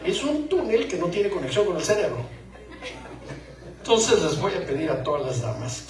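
Playful high-voiced man in a roomy hall. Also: far from the mic. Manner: playful, joking, acts out scenes. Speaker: conference speaker on marriage. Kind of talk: live talk to couples.

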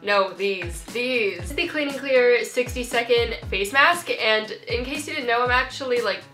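A woman's voice: fairly high pitch, normal speed, sharp tone, roomy sound, faint music behind. A young woman hosting an upbeat haul vlog, bubbly and self-mocking, giggling often between lines. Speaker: YouTuber.

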